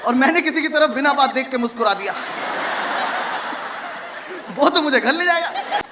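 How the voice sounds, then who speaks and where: A young man from India doing stand-up comedy. He tells stories in a sardonic, conversational way, with sudden loud outbursts. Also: very high voice, lively intonation, normal speed, crowd noise. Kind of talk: stand-up comedy with crowd work. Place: live comedy venue with audience laughter. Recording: noisy live show recording.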